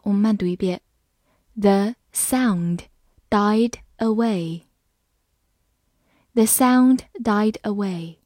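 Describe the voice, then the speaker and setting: A woman leads a scripted vocabulary lesson, spelling words out letter by letter and reading examples with care. Her voice is mellow and her pace unhurried. The recording is close and dry, with no room sound. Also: fairly high pitch, dry recording. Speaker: English vocabulary teacher.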